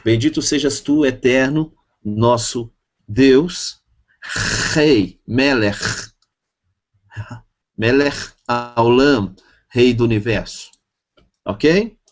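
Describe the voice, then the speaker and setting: A man teaching a class, speaking slowly and repeating each word for his students to drill pronunciation. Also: medium pitch. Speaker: Hebrew teacher. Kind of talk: classroom lesson.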